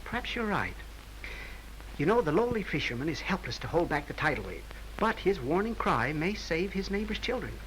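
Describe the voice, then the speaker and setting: A man's voice: high voice, sing-song, moderate pace, a bit bright, low-quality recording. An actor playing an earnest, courteous young man with formal, flowery phrasing in a 1930s comedy film. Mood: hesitant, earnest. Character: earnest, courteous young man raised among missionaries in China. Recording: hissy 1930s film soundtrack.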